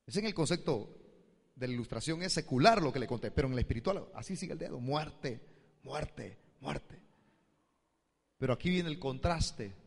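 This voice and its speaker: A man's voice: mid-range voice, lively intonation, fast, in a large hall. A man pastor, preaching a sermon and addressing the congregation with questions. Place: church hall.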